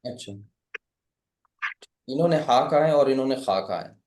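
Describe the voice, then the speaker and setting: A man's voice: medium pitch, expressive, darkish tone. Patient male teacher in an echoey room. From India. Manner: patient, explains step by step, quizzes students. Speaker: Arabic teacher. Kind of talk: live class lecture.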